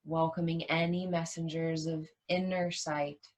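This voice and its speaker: With a deep voice and flat delivery, a woman leads a guided yoga nidra session. Her manner is calming and unhurried, her phrases short and spaced by long pauses.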